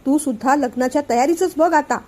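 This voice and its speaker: Woman doing stubborn old mother, teasing, firm, high voice, storybook reading. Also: brisk, darkish tone, lightly acted. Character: elderly mother, stubborn, jokey, brushes off illness.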